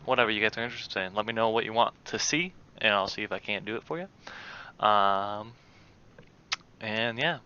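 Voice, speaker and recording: A man hosting his gaming channel, giving play-by-play commentary on a match with sudden bursts of excitement. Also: on the low side, normal speed, clean tone, dull audio. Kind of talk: live gameplay commentary. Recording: game battle noise behind voice.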